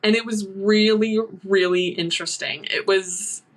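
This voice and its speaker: A woman's voice: mid-range voice, steady tone, unhurried. A woman hosting a casual livestream chat, telling a story in a rambling way with many fillers and restarts. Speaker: host.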